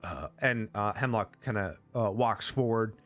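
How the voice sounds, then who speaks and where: A man's voice: on the low side, normal speed, fairly bright tone. A man narrating as game master, rambling with lots of fillers.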